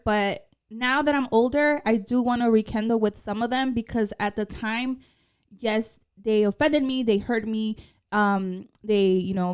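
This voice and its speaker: A woman's voice: medium pitch, clean tone. Laughing young woman podcast co-host. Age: 20s. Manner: mixes Spanish phrases into English, laughs often. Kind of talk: casual chat.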